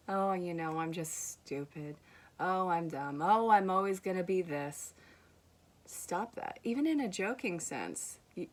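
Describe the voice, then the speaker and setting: A young tarot reader from Vermont, whose accent blends Vermont and New York, gives her viewers a casual, reassuring reading. Her fairly low voice is warm and gently teasing as she reads the card messages aloud.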